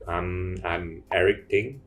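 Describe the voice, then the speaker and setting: A man in his fifties answering interview questions hesitantly, with pauses and fillers. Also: sits low, soft background music. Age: 50s.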